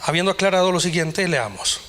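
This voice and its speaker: A male pastor delivers a sermon in a church. His voice sits high and rings bright as he quotes scripture and voices imagined speakers, building in intensity as he preaches. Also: expressive, fairly quick.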